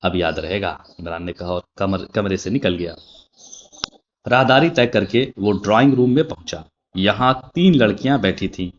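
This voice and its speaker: A man narrating a novel in a steady storytelling voice. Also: lowish voice, moderate pace, highs cut off, slight background noise.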